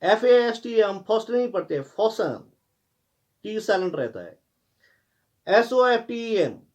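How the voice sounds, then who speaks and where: Male teacher, high-pitched voice, spells out words slowly letter by letter in a classroom lesson. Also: big pitch swings. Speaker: English teacher.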